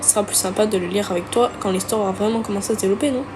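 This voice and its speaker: A woman voicing a shy, bookish teenage girl who speaks quietly and hesitantly, with game music behind her. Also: mid-range voice, fairly even intonation, racing, background noise, close to an everyday voice. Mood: timid. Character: shy, soft-spoken bookish teen girl. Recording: music playing underneath.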